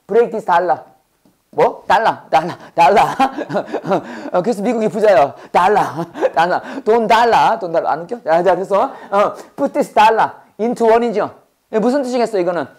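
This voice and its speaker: A teacher giving a classroom lecture in Bible English, switching between Korean and English. The delivery is playful, full of puns and quick questions to the class, with key words repeated for students to echo back. The voice sits at a middle pitch. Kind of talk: classroom lecture with call-and-response drills.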